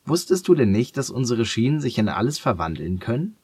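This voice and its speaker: A man with a husky voice voicing a cheerful, kind young girl who wears leg braces, in a storybook reading. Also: medium pitch, very animated, brisk, dry recording, pitched above the performer's own voice. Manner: bright, coaxing storybook girl voice.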